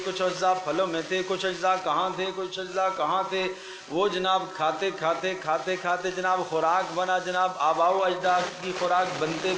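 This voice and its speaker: A man's voice: high voice, echoey room, background noise. A man giving a sermon of Quran commentary, telling vivid parables, acting out the people in his stories and repeating phrases for emphasis.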